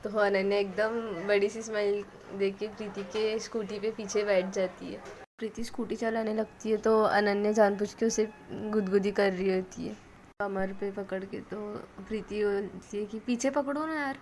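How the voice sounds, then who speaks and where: A woman casually narrating a love story in a chatty, lively way. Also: medium pitch, moderate pace, a little hiss or hum.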